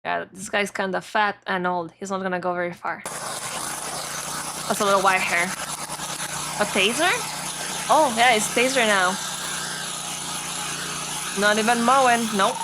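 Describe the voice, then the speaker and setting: A woman's voice: mid-range voice, fairly even intonation, unhurried, pauses often, background noise. A woman streamer giving casual live reaction commentary in a cute, playful anime-streamer manner.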